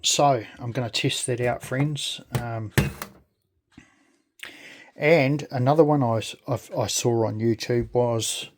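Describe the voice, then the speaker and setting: A man talks through a casual hands-on demonstration. His voice sits at a medium pitch, and he speaks very slowly, in a halting, friendly way. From New Zealand. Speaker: video creator.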